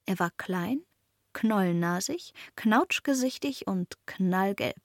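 A woman narrating a children's fantasy story in lively, expressive audiobook style. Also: mid-range voice, takes it slowly, dry recording, studio quality.

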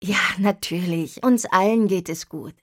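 A woman's voice: medium pitch, unhurried, darkish tone, no room sound, studio quality. A woman voicing a cheerful, talkative middle-aged mother in an audiobook, fussing and chatty. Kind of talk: audiobook character voice.

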